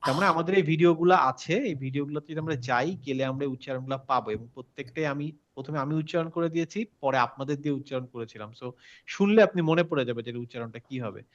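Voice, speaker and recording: A man's voice: mid-range voice, fast talker. A man teaching a recitation class online, patiently recapping and asking his students questions. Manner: patient, checks understanding with questions, mixes in English words. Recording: dull lo-fi call audio.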